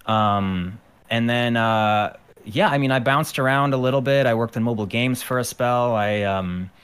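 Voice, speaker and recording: Medium in pitch, smooth and a bit bright, this man's voice moves at a moderate pace. He is a Ukrainian animator and musician on a podcast, chatting casually about his art career and rambling with lots of fillers and restarts.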